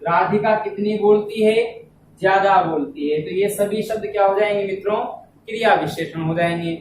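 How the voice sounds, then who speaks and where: A man teaching a classroom lesson, speaking slowly and repeating words and phrases so students can write them down. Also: sits high, roomy sound, recorded from a distance, a little hiss or hum, low-quality recording. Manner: keeps saying "ab dhyan dena" to draw attention. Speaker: Hindi grammar teacher.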